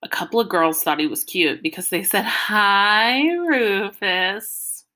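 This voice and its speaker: A woman narrating a first-person audiobook in a lively, expressive storytelling manner. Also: low voice, quick pace.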